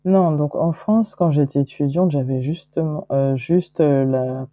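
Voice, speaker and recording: A woman's voice: deep voice, measured pace, no echo. A woman in her forties from Guadeloupe, a podcast guest talking in a hesitant way, with many fillers and restarts. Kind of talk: casual interview chat. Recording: dull lo-fi dry sound.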